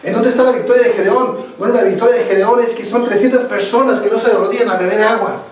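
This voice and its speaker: High-voiced pastor echoing in a church. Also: male voice, fairly even intonation, a little hiss or hum. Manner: halting, repeats words and asks the room questions. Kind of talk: Bible study sermon. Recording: echoey church hall, distant mic.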